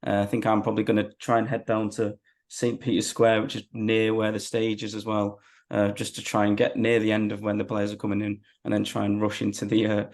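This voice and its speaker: A man's voice: lowish voice, completely flat delivery, a little fast, a little mellow. A man, chatting casually as a football fan being interviewed.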